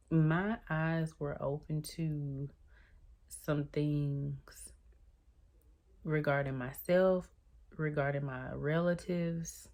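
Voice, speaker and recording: A chatty woman in her thirties with a low voice talks casually to the camera as a vlogger. She calls her viewers "y'all," and her pitch swings in lively ways.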